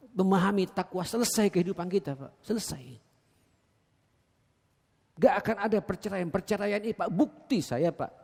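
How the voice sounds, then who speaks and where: A man with an East Javanese accent preaching a sermon in a mosque. He talks earnestly and keeps addressing the congregation directly, swinging between loud emphatic exhortation and low quiet asides. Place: large mosque hall. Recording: echoey mosque hall.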